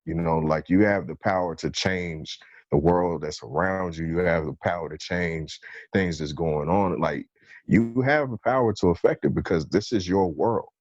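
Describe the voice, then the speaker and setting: A man's voice: sits low, moderate pace, a little mellow, no echo, dull audio. A man co-hosting a podcast, talking earnestly and reflectively in casual chat, often saying "you know". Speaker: podcast co-host.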